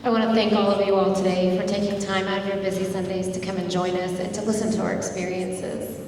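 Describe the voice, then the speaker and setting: Speaking fast at a medium pitch, this middle-aged Tulsa woman, a native Turkish speaker, shares a personal story at a community dialogue gathering. Her manner is conversational and turns animated whenever she recounts what happened. The hall echoes, the mic sits far away, and there's a faint hum of background noise.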